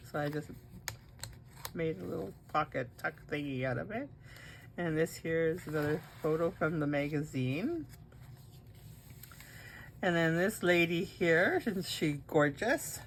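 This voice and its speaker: A woman's voice: fairly low pitch, slight background noise. A woman with a cold hosting a casual craft video, chatting and rambling through a show-and-tell with frequent restarts. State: has a cold, coughing and hiccups.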